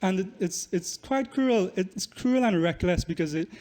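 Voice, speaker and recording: In a casual podcast interview, a young man from Trinidad and Tobago, a musician and student, explains things with a high-pitched, darkish voice. He is expressive and keeps a moderate pace.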